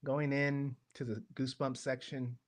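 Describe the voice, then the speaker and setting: A woman's voice: a bass voice, little pitch movement, normal speed. A woman podcast host with a Texan accent, chatting casually and nostalgically, laughing often. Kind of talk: casual chat.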